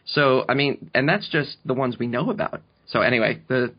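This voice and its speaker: Brief: male podcast co-host, husky and gravelly, deadpan, halting delivery, dull lo-fi recording. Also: medium pitch. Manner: deadpan, halting with fillers, slow absurd asides. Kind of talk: comedic podcast banter.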